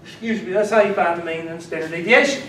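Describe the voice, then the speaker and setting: Fast, pushed, and bright, this man's high voice carries across a classroom where he's lecturing and teasing students as he works. Because he's far from the mic, the sound is distant and echoey, with some faint noise.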